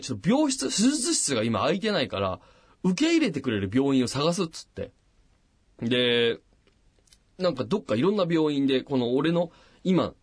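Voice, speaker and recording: A man's voice: breathy edge, dry recording, clean studio sound. A man hosting a late-night radio show, casually telling a long personal story and acting out the voices of the people in it. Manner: animated, acts out quoted voices with big pitch jumps. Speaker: radio host. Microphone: studio microphone.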